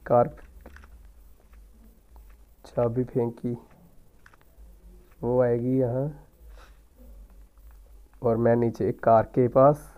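A man's voice: medium pitch, flat delivery, extremely slow, long pauses, phone-quality sound. A man with a sore throat, muttering casual gameplay commentary as he plays and taunts the game character. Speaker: gaming YouTuber.

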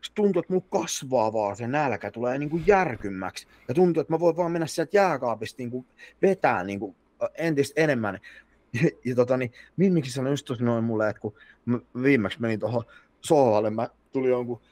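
A man telling a story in casual chat, animated, swearing a lot and using many fillers. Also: mid-range voice, no echo.

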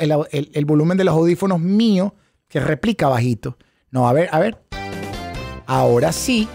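A man's voice: fairly high pitch, vocal fry. A man teaching a live-streamed trading class, chatting with viewers and thanking them, wearing headphones at a home setup. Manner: lively, animated, chatty with viewers, thanks super chats. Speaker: trading instructor. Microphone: headphones with mic.

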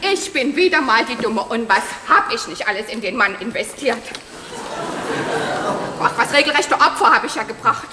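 A woman's voice: fairly high pitch, lively intonation, moderate pace, a crowd in the background, background noise, natural voice. An actress playing a dramatic, self-pitying woman whose partner has left her, in a stage comedy, talking in a breathless, tearful gush. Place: theater stage. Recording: echoey theater hall with audience laughter. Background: audience laughter.

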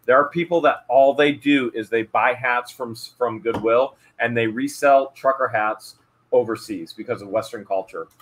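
A man's voice: medium pitch, normal speed, fairly bright tone, poor audio. A man in his thirties hosting a casual live-stream auction, chatty and hyping the bids, repeating numbers as he goes. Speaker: live-stream host auctioning storage-unit finds. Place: small indoor room with a wall of hats behind.

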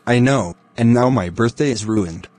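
A man's voice: medium pitch, moderate pace, a little mellow, no room sound, lightly acted. A synthetic man's voice playing an emotional birthday celebrant in an amateur cartoon, with stilted text-to-speech delivery. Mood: dejected. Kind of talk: text-to-speech animated dialogue.

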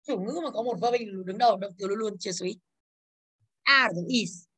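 A woman's voice: mid-range voice, normal speed, sharp tone, husky. A woman in her thirties from Vietnam, an English teacher going over exercises with her class in a classroom, calling on students by name and drilling pronunciation.

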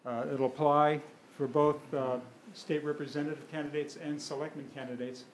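An older man moderates from a podium microphone, relaxed and halting, with plenty of fillers. His voice sits a little high for a man. The roomy hall echoes around him, with a faint hum of room noise. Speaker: event moderator. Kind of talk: opening remarks at a public forum. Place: school meeting room, at a podium.

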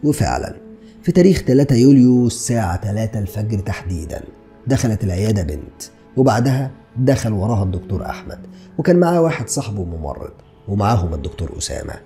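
Here the true crime narrator, a thirtysomething man with an Egyptian Arabic accent, sounds very animated and fast, his lowish voice carrying a dark tone over soft background music. He keeps asking the listener rhetorical questions. The setting is a small, dark indoor studio, and a podcast mic sits on a stand before him.

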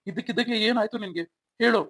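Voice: mid-range voice, very fast, a bit bright, no echo, natural voice. A performer voicing a devoted young husband in an audio drama who keeps coaxing with questioning hums and then snaps in anger. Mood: angry. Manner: coaxing, repeats questioning "hmm?". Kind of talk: amateur Kannada audio drama.

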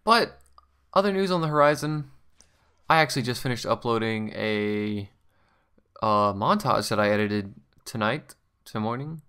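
Smooth-voiced man, rambling game commentary. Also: fairly low pitch, expressive, moderate pace, bright, forceful tone. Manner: rambling, offhand, self-correcting. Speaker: gaming channel host. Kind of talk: casual gameplay commentary.

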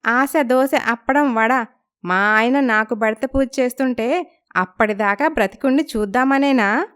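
A woman's voice: on the high side, measured pace, fairly bright tone, clear, resonant tone, voice pushed up. A woman voicing a cheeky, feisty young woman in a storybook, talking back with sass. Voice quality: cheeky, sassy. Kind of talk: storybook narration.

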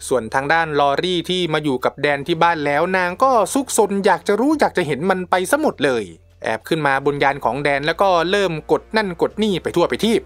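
A man's voice: a little high, animated, fast talker, few pauses, a bit bright, soft background music. A man narrating a movie recap in a casual, slangy way, talking to viewers as friends.

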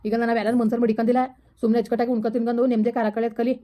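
A woman's voice: on the high side, level tone, racing, mellow, close to an everyday voice. A woman playing a forgiving village husband who coaxes and reassures his wife, speaking. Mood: consoling. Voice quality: coaxing, reassuring. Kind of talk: village family drama acting.

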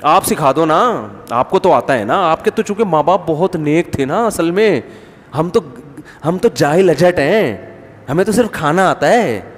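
A woman's voice: low voice, lively intonation, unhurried, long reverb tail. A man doing a snippy young daughter-in-law.

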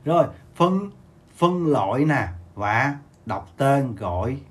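A man's voice: medium pitch, very animated, slow. A male teacher giving a livestreamed exam review lesson, repeating words, quizzing viewers and asking them to like and share. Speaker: online math and chemistry teacher.

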